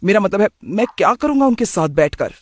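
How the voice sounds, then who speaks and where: A carefree young son in a cartoon story, voiced by a man, who speaks in a casual, dismissive, slangy way. The voice is on the high side. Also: sing-song, a little fast, dry recording. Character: young man, office worker, careless English-mixing son. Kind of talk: cartoon voice acting.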